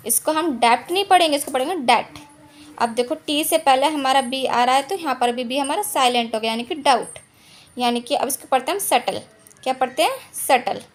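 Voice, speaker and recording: In an online lesson, a high-voiced woman teaches English silent letters, patiently repeating each rule and posing questions to herself before answering them.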